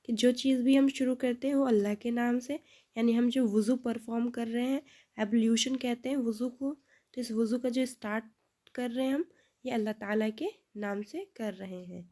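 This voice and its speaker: A woman teaching children Islamic supplications, reciting Arabic slowly and explaining in with English words mixed in. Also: fairly high pitch, steady tone, dark tone. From India. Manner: mixes English into Urdu, reads Arabic slowly and deliberately. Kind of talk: slow, patient dua lesson, recites and translates.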